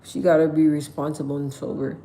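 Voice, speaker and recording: Woman in her thirties livestreaming from her mom's place on a phone, kinda low voice, rambly and slangy, lots of "like" and "bro". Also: flat delivery, fairly quick, dark tone. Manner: rambling, slangy, chatty with many fillers. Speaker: livestream host. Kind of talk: casual livestream chat with viewers. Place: her mother's house, indoors.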